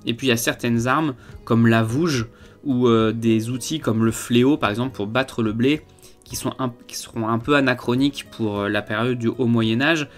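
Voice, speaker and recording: A man's voice: medium pitch, normal speed, soft background music. A man giving a casual unboxing review of miniature figures, talking with many hesitations and fillers. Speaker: wargaming hobby reviewer.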